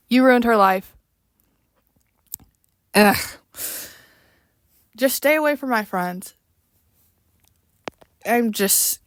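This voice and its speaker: A woman in a casual, unscripted rant to viewers, speaking in a weary, exasperated and halting way. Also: medium pitch, no echo, clean studio sound. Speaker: online creator addressing viewers.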